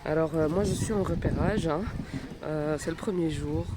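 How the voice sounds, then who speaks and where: A woman's voice: low-pitched, normal speed, noisy background. Chatty woman vlogging her trip. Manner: chatty, upbeat, talks straight to the camera. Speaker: travel vlogger. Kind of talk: casual travel vlog. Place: outdoors on a trip, at the airport, the hotel and on an excursion.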